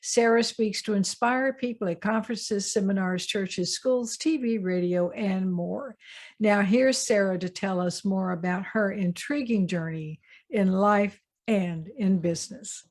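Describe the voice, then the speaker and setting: A woman's voice: medium pitch, measured pace, a little mellow. Woman hosting a business interview show. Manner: scripted introduction, then friendly questions. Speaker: host.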